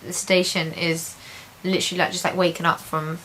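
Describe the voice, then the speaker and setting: Fairly low-pitched but a bit bright, a woman speaks fairly quickly in a level tone while chatting to camera for a casual video diary. She comes across as positive, reassured and conversational, repeating intensifiers, on a hissy, low-quality home recording.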